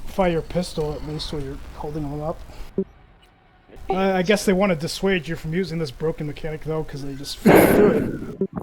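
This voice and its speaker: A man's voice: on the high side, fairly quick, a little mellow. Rambling young man on a noisy stream. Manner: rambling, hesitant with many restarts. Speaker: game streamer. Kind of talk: casual gaming chat.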